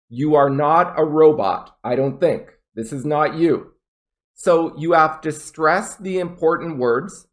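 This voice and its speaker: A man teaching an online English test lesson, speaking clearly and deliberately and exaggerating rising intonation to demonstrate. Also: a little high.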